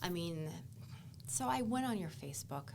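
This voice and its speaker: Quick, curious woman interviewer. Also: on the low side, animated, creaky, background noise. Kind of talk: casual interview questions.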